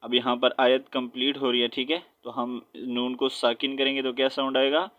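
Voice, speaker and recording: A man teaching Quran recitation step by step, spelling out letters with their vowel marks and often checking in with his listeners, then chanting verses slowly. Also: medium pitch, little pitch movement, narrow, tinny audio. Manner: switches between quick explanation and slow drawn-out chanted recitation.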